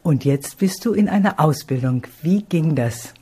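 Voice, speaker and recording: A radio presenter with a mellow, slightly husky voice, narrating a feature and interviewing a guest. The questions come calm and friendly. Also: mid-range voice, a little slow.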